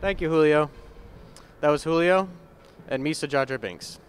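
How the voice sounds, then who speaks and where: A young man hosting a comedy show, interviewing people on a city street with a handheld mic and teasing them with deadpan jokes. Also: on the high side, normal speed, a little hiss or hum. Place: outdoors on a city plaza.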